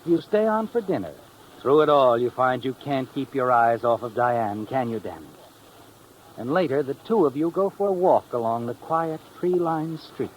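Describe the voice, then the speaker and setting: With a natural, medium-pitched voice, an actor animatedly plays the insinuating, suave narrator of a 1950s radio suspense drama at a moderate pace. Knowing and suspenseful, he needles the protagonist, whom he calls "you," with tag questions, heard on a low-quality old radio recording with music and a slight hiss or hum.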